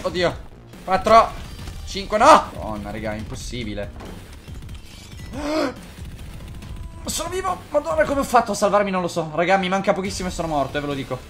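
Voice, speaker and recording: A man with a somewhat high voice talks over a game as a gaming creator. He jokes and curses as he plays. Faint music from the game runs quietly beneath him. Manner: excitable, joking, swears a lot. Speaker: gaming YouTuber. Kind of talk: let's-play commentary.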